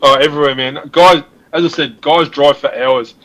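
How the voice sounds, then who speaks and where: Easygoing Australian man, slightly higher voice. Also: fairly even intonation, normal speed, a bit bright, low-quality recording. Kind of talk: casual interview chat.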